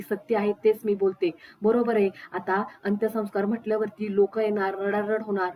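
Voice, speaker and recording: A woman narrating a TV serial recap as a steady, scripted reading, voicing the dialogue in her own plain way. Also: medium pitch, breathy edge, poor audio.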